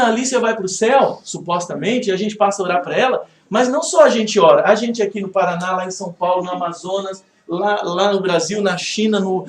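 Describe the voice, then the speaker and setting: A high-voiced male pastor leads a Bible study for a live group in an echoey hall with faint background noise. His teaching is conversational and animated, dotted with rhetorical check-ins.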